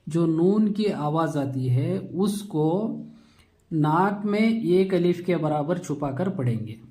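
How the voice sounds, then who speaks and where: A man teaching a Quran reading lesson step by step, patiently repeating terms and stretching sounds slowly to show them. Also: fairly high pitch, mellow.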